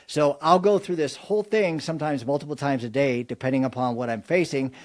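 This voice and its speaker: A man's voice: mid-range voice, a little fast. Earnest man preaching on a podcast. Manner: earnest and animated, preaching-style delivery. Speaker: podcast guest, speaker. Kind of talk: faith-based podcast conversation.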